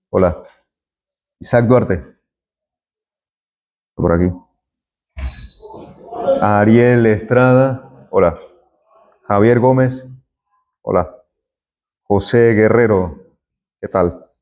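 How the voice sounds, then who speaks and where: A man's voice: on the low side, a little mellow. A middle-aged man, a university lecturer taking roll and chatting with students in a classroom. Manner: friendly, chatty, jokes with students.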